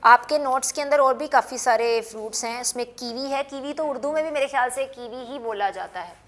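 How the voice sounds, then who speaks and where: Woman teaching, slow drilled words. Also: sits high, a bit bright. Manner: patient, repeats words slowly and spells them out. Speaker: English teacher on a TV show. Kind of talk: classroom lesson with repetition drills.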